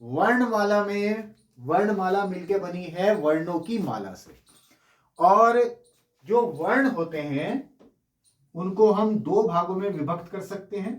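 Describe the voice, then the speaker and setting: A man's voice: sits high, lively intonation, takes it slowly. A man teaching a lesson, explaining step by step as he writes on a board, saying each sound aloud and repeating it. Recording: echoey room, voice from a distant mic.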